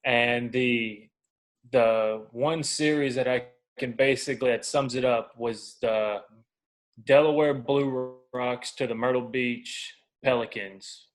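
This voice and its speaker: A professional baseball pitcher in his twenties talks casually and candidly in an interview, using colloquial phrasing and anecdotes. His mid-range voice stays steady, and he takes it slowly.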